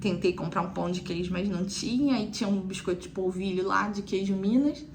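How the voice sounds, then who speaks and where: Young mom for a casual vlog: chatty, mid-range voice, slight room noise. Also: female voice, mid-range voice, fairly quick. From Brazil. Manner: chatty, frequent "né" asides. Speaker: mother telling her weaning story. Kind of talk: casual chat to viewers.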